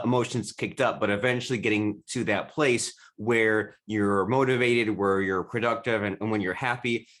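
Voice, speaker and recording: A man's voice: lowish voice, fairly bright tone. A man hosting a podcast interview, asking long questions with many fillers and restarts. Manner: loose phrasing full of fillers and restarts. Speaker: podcast host.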